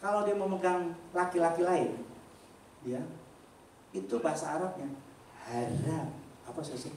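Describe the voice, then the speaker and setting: A man preaching a sermon with a fairly high voice, full of rhetorical questions and loud emphatic peaks, slipping into casual slang. He sounds far from the mic, in a very echoey church hall with a faint hiss. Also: expressive, a little slow. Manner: casual slangy asides to the congregation. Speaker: pastor.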